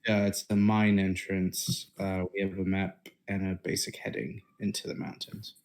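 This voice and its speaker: Low-voiced man playing a tabletop game. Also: level tone, normal speed, darkish tone. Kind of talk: casual table chat.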